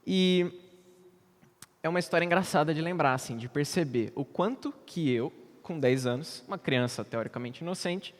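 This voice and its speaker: A young man with a Brazilian Portuguese accent preaching in church, telling a personal story with animated swings in loudness. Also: fairly high pitch, moderate pace. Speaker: presbyter preaching. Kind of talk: sermon illustration, personal story. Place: church sanctuary. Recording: church hall reverb.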